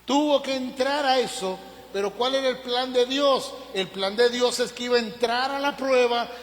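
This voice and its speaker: A male pastor preaching a sermon, emphatic, asking rhetorical questions and rising suddenly in pitch and volume. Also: normal speed. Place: church hall. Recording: long hall reverb.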